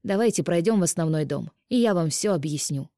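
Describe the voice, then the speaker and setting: A woman's voice: on the low side, lively intonation, fairly quick, dark tone, dry recording, studio quality. Woman reading a stern grumbling healer. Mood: explaining. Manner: firm, grumbling.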